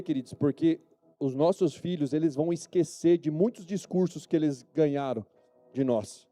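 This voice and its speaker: Preaching at a church service, a man with a Brazilian Portuguese accent speaks in a slightly high, mellow voice. He keeps prompting the congregation to answer yes or no and to say amen.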